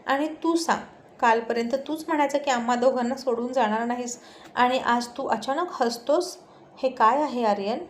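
A woman voicing a tender, emotional mother who speaks softly and pleadingly. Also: a little high, moderate pace, roomy sound, a little hiss or hum, lightly acted.

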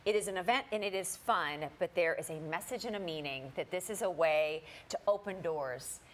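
A middle-aged woman hosts a local television segment from a studio kitchen set, speaking through a lapel mic. Her voice sits a little low, and she keeps the chat upbeat, prompting her guests with questions. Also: normal speed. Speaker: TV morning show host.

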